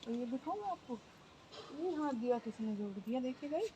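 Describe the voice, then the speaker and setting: Despite a sore throat, a female vlogger talks casually about her day on an outdoor rooftop, in a high-pitched, expressive voice that's fairly quick and dark in tone. She repeats herself, keeps turning to her audience, and a little hiss or hum can be heard.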